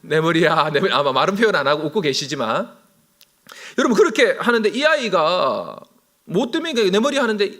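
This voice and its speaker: A male pastor, possibly in his thirties, preaches a sermon in church, swinging between loud emphasis and quiet asides and acting out the characters' lines. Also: high-pitched, sing-song, normal speed.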